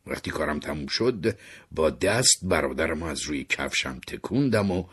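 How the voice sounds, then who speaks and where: Deep, very husky male storyteller. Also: lively intonation, fairly bright tone. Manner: theatrical, dropping to whispers and rising in sudden bursts. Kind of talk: dramatic first-person story narration.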